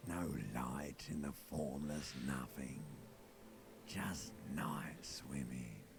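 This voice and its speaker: A very deep, gravelly, whispering ancient reptile brain, slow and hypnotic in whispered role-play. He drags each phrase out, lulling. Game audio with a noisy ambient bed underneath. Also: full character voice.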